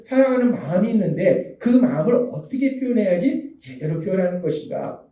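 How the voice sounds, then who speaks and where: A man's voice: sits high, dark tone, echoey room, recorded from a distance. A man preaching a sermon as pastor, asking earnest rhetorical questions. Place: church sanctuary.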